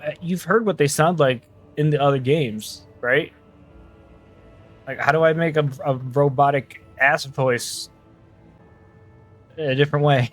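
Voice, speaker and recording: A man streaming a video game, reading its dialogue aloud and breaking off for offhand, self-mocking asides. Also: a little high.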